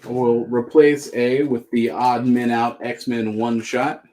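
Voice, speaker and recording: A man hosting a live comic book sale, running through items with upbeat, joking pitchman patter. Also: little pitch movement, slow pace, a little mellow. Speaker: host selling comics on a live stream. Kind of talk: live sales chat.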